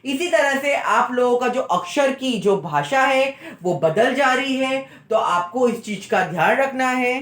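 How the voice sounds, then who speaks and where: A man's voice: extremely high pitch, lively intonation, unhurried, hardly any pauses, fairly bright tone. A male school teacher giving a recorded lesson to young children, patiently repeating and spelling out letter sounds one at a time. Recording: roomy echo.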